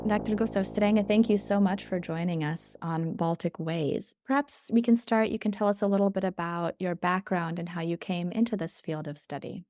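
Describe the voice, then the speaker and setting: Podcast host, woman, very low pitch, dry close sound, encouraging, faint music underneath. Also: steady tone, moderate pace, hardly any pauses, a little mellow, no room sound. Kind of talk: podcast interview hosting.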